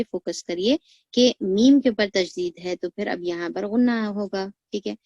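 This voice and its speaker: A woman teaching recitation to beginners, patiently repeating words slowly for learners to copy. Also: medium pitch, a little mellow, dry recording. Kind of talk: recitation lesson.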